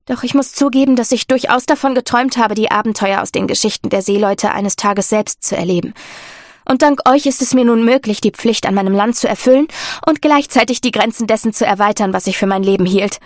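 Eager young noblewoman as a woman reads her, earnest, raised pitch, dry close sound, audiobook. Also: brisk, no room sound, lightly acted.

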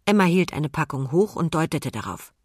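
A woman reading a children's audiobook aloud, calm and expressive. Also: deep voice, brisk, slightly rough, no echo, studio quality. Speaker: narrator.

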